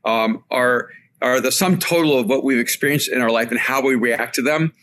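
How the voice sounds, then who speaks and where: Spanish-native man, podcast guest, thoughtful storyteller, steady mid pitch. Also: normal speed. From El Salvador. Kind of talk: reflective storytelling. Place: remote call from home.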